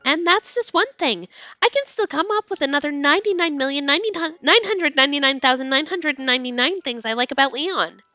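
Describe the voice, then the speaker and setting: A woman reading game text aloud with expressive narration and casual commentary, as a let's player. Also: high voice, moderate pace, dry recording, soft background music.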